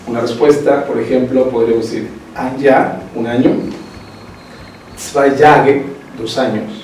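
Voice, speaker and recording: A man's voice: mid-range voice, steady tone, darkish tone. Man teaching German in an echoey room. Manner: slow, deliberate repetition of German phrases; conversational filler-laden explaining. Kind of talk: language lesson explaining vocabulary. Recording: echoey room, distant mic, background noise.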